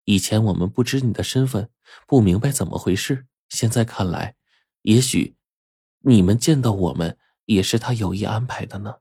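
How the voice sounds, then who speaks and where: A man voicing a gentle, earnest young woman who speaks softly. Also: on the low side, moderate pace, breathy edge, no room sound, clean studio sound. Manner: soft-spoken, earnest.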